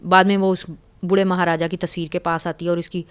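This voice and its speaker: A woman retelling a novel in a loose, conversational way, often restarting her sentences. Her voice is lowish and smooth, with a flat, even delivery. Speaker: storyteller.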